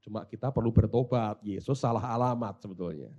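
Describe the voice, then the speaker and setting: A male pastor preaching a sermon. He switches between hushed asides and loud, dramatic exclamations. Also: lowish voice, a little fast, dull audio.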